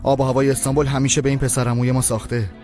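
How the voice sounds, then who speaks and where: Man as a calm family father. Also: medium pitch, natural voice. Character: calm father defending his son. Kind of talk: dubbed TV drama. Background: music.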